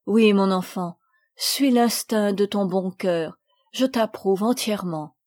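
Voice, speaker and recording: Kindly calm older male guardian, gentle, reassuring, mellow tone, woman reading. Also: mid-range voice, slow pace.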